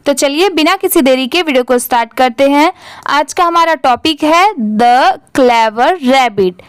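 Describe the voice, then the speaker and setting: A young woman teaching English reading, spelling words out letter by letter and repeating each one slowly. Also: high voice, no room sound. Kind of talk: slow spelling-out lesson in Hindi.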